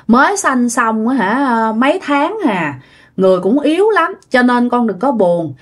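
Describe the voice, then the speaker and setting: A woman voicing gentle elderly parents who softly console their grieving child. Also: on the high side, sing-song, measured pace. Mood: soothing. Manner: soft, consoling.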